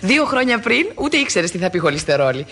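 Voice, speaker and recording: A woman's voice: medium pitch, very animated, a bit bright, breathy edge, exaggerated voice. An actress playing a cheerful, patient wife in a 1960s radio play, teasing and soothing her husband.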